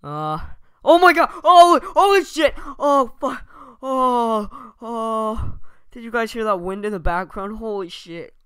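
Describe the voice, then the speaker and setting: A man's voice: high voice, moderate pace, few pauses, bright, forceful tone, clean tone, no echo, clean studio sound. A man playing a scared horror game streamer, overdramatic and foul-mouthed, with fake panic in a parody Let's Play. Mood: panicked. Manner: exaggerated screaming, heavy swearing, fake panic.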